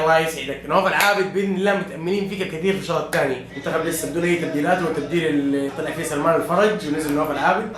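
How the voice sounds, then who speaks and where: A man with a high, excitable voice talks fast while reacting live to a football match. Between plays he shouts, cheers, and prays aloud, and the audio sounds echoey, like a bare room.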